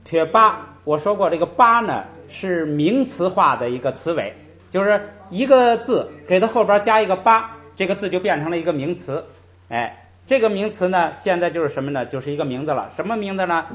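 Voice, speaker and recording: A man with a high, slightly bright voice and lively intonation lectures at a moderate pace, patiently elongating example syllables and often saying "hey" between ideas. The classroom recording is slightly muffled.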